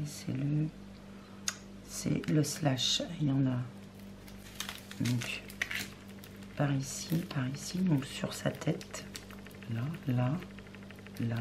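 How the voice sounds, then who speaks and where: A woman hosting a crafts unboxing video, chatting casually and thinking aloud, often murmuring softly. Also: a bass voice. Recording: clear background noise.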